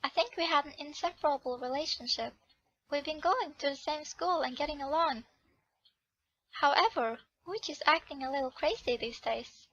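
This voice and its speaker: A woman's voice: high voice, normal speed, a bit bright, no room sound, lo-fi sound. A woman reading aloud a romance visual novel as the heroine, often correcting herself as she goes. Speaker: channel host reading a game.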